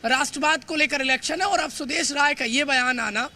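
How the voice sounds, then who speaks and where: A man reporting live for the news, emphatic and hurried, often stumbling over words and filling pauses. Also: very high voice, bright, forceful tone, a little hiss or hum. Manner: fast, emphatic, with frequent stumbles and fillers. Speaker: field reporter.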